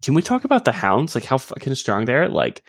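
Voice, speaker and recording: A man's voice: mid-range voice, wildly swooping pitch, fairly quick, slightly rough. A man co-hosting a book podcast, chiming in casually with agreement and his own takes. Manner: short agreeing interjections, easygoing.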